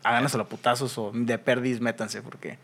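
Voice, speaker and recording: A man's voice: mid-range voice, flat delivery, fairly quick, a bit bright. A young man with a Mexican accent, co-hosting a casual podcast chat and telling a story animatedly, full of slang and swearing. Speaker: podcast co-host.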